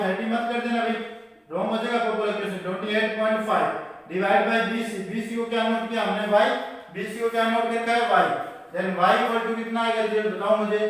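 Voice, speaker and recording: A man's voice: sits high, a bit bright. A man with an Indian accent teaching a maths class, asking his students questions and answering them himself. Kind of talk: classroom lesson. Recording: echoey hall, mic far off.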